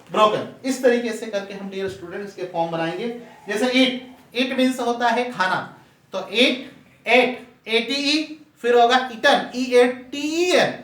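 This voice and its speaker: A male teacher giving a spoken lesson, spelling words letter by letter and addressing his students fondly. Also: sits high. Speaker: English teacher. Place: room with a board. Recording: echoey room, voice from far off.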